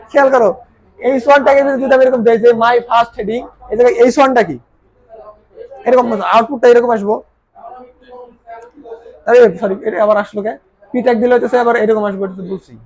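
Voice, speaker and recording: Quick, high-voiced teacher. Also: male voice, a little mellow. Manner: quizzing questions he answers himself. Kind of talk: recorded class lecture.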